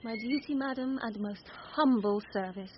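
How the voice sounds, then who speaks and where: A woman playing a young woman disguised as a quick-witted page in Shakespearean radio drama, poised and articulate. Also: a little high, close to an everyday voice. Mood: courtly, deferential. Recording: dull radio recording, faint noise.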